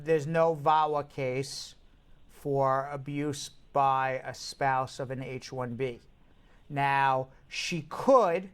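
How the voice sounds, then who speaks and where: Male radio advice host, blunt n emphatic, bit high pitched, repeats himself to make the point. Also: smooth. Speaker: call-in show host. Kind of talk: live advice to callers.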